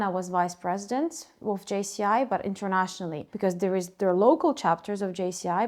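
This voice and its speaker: Speaking to camera in an interview, a woman in her thirties from Ukraine recounts her story as a school co-founder, wandering into frequent asides. Russian is her native language, and her fairly low voice has a darkish tone.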